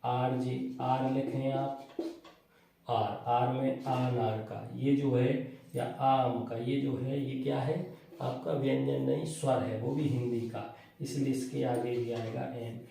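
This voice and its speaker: A man's voice: medium pitch, steady tone, slow, vocal fry, mellow. Man teaching a grammar class, asking and answering his own questions, faint hiss behind, quite echoey. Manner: asks questions and answers them himself. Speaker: English teacher. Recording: echoey room, voice from far off, faint noise.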